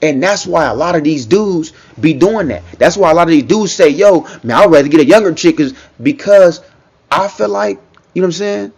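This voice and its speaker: A man's voice: a little high, animated, brisk, vocal fry, a little mellow. A man giving casual reaction commentary, talking in a loose, repetitive way and often checking in with the listener. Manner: conversational, repeats himself, frequent "you know what I'm saying".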